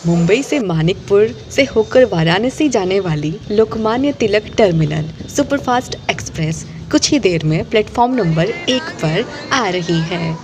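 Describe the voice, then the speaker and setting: A woman making a formal railway station announcement over a loudspeaker. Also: medium pitch, expressive, unhurried, hardly any pauses, background noise.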